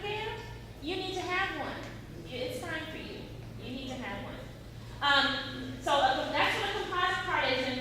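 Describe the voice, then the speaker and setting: High-voiced woman teaching an acting class. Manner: lively, asks the class many questions. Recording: echoey room, far from the mic, noisy.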